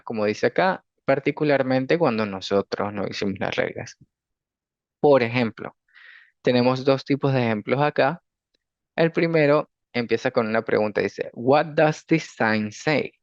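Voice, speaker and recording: Male language teacher, patient lecturing, slow careful example readings; dull, dry lo-fi sound. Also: medium pitch, smooth, no room sound. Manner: patient, explanatory, often checks understanding with "¿sí?"; reads English examples slowly and carefully. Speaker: English teacher. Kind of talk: recorded class lecture.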